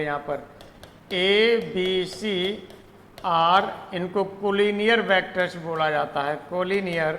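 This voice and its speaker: High-voiced man teaching math. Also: fairly bright tone, long reverb tail, a little hiss or hum. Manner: repeats terms and asks himself questions. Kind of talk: classroom lecture.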